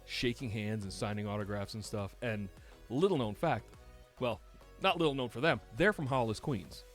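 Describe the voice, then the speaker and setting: A man with a New York accent, hosting a podcast and telling stories in casual chat, animated and swearing freely. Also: on the low side, normal speed, faint music behind. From United States. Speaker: podcast host.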